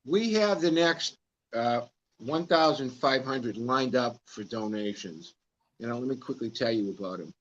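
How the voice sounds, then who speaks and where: A man's voice: mid-range voice, animated, measured pace, highs cut off, slight background noise. A man co-hosting a live Q&A, talking to viewers in a folksy, emphatic way. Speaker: co-host of a live Q&A, nonprofit organizer. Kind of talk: casual live-stream talk.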